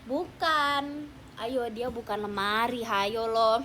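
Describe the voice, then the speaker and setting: Playful high-voiced teenage girl. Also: steady tone, takes it slowly, bright, forceful tone, slight background noise. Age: teens. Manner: playful, teasing, chatty with fans. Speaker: idol livestream host. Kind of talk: casual livestream chat with viewers. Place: at home at night, keeping voice down.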